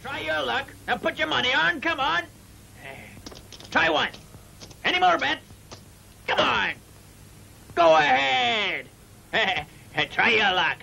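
An actor playing a jovial, sly gambling stallholder in a dubbed martial arts film, calling out for bets in short bookmaker-style patter. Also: male voice, extremely high pitch, animated, slow pace, vocal fry, long pauses, slight background noise, full character voice. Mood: teasing, hawking. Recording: old film dub with loud music.

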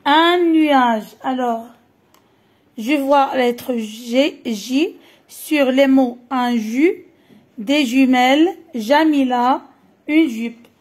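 Woman, Moroccan accent, Arabic native, children's phonics teacher, high voice, slow and repetitive. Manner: slow, repeats each word carefully. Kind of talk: French phonics lesson for children.

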